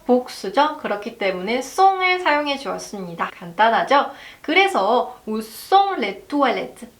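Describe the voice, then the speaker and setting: A woman teaching French phrases to learners, saying them slowly and clearly so they can be repeated. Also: on the high side, a bit bright. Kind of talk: language lesson.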